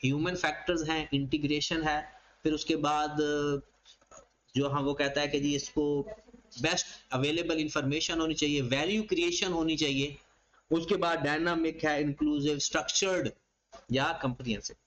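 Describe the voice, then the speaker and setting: A man teaches a class, his voice sitting high for a man. He walks through each term by asking the question aloud and then answering it, in an even teaching tone. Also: moderate pace, rough recording. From Pakistan. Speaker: accounting lecturer. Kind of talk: classroom lecture.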